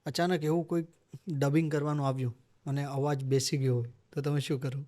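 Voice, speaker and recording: A man with a somewhat higher voice hosts a podcast interview. He asks short, direct questions and keeps his own remarks brief. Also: flat delivery, fairly quick, warm tone. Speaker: podcast host.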